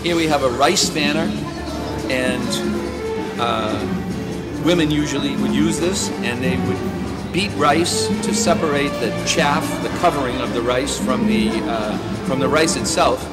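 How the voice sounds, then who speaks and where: A man in his sixties at an indoor fair, explaining exhibits in an unhurried, rambling way with many fillers. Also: medium pitch. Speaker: exhibitor showing artifacts. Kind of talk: casual explaining. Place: indoor gym hall at a fair. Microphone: handheld camera nearby. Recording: loud crowd and music behind.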